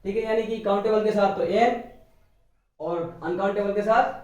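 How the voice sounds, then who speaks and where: A man's voice: sits high, steady tone, normal speed, darkish tone, lo-fi sound. A man teaching English grammar, who keeps asking questions and answering them himself. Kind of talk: classroom lecture. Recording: very echoey room, voice from a distance.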